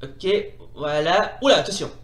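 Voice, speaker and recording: A man commentating excitably as he plays a retro fighting game, often exclaiming and repeating himself. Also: fairly high pitch, moderate pace, roomy sound. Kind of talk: playing while commentating.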